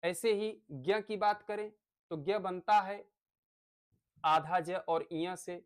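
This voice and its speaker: A man's voice: sits high, takes it slowly, clean tone. Man explaining phonics step by step. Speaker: teacher. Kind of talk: classroom lecture on phonics.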